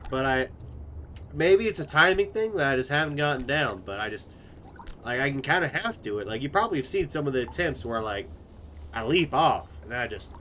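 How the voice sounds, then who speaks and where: A man's voice: fairly high pitch, a bit bright. A man thinking aloud in a frustrated, rambling way during live gameplay commentary, with a put-on Southern US drawl, recorded at home. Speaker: gaming streamer. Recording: noticeable background noise.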